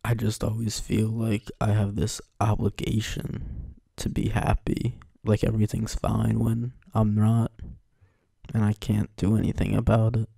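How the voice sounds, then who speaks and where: A man's voice: fairly low pitch, completely flat delivery, creaky, dark tone, slightly rough, exaggerated voice. A man playing a broken, despairing young man. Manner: halting, confessional, sighing. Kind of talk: film monologue.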